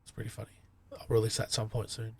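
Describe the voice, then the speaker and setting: A man's voice: lowish voice, monotone, fast talker, vocal fry, darkish tone, husky, no echo. A man from Chile, co-hosting a podcast in casual chat, joking and swearing with short replies. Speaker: podcast co-host.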